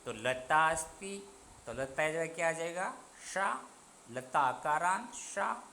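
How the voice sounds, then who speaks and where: Slow, bright-voiced male teacher. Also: a little high, expressive, gravelly, slight background noise. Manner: slow, deliberate drilling of words, questions then answers. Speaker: Sanskrit teacher. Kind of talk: online class lesson.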